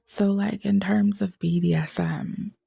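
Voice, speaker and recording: A woman musing in a casual, rambling chat, often drifting into soft whispers. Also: medium pitch, steady tone, unhurried, vocal fry, breathy edge, dry recording. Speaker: tarot reader.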